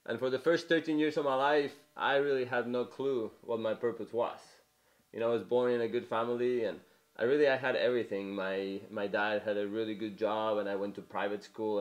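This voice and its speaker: Earnest young man from Mexico preaching. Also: medium pitch. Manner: earnest, conversational, many "you know" fillers. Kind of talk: testimony sermon.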